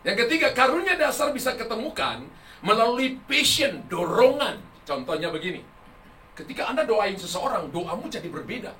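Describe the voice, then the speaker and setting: A man preaching a sermon as a pastor, emphatic and rising loud on key words, and telling stories with quoted dialogue. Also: high-pitched, big pitch swings, moderate pace. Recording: echoey hall, voice from far off the mic.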